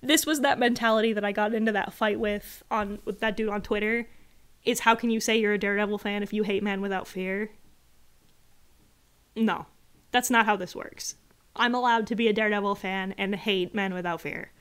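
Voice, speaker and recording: A woman's voice: mid-range voice, fairly even intonation, moderate pace, fairly bright tone, smooth. A woman hosting a livestream, reading a letter aloud and picking it apart in an exasperated, sarcastic rant with swearing. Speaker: livestream host.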